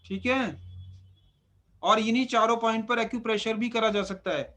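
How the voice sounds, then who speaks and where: A man's voice: sits high, steady tone, normal speed, bright, forceful tone. A man teaching an acupuncture class, instructive and repeating phrases for emphasis. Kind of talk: live class lecture.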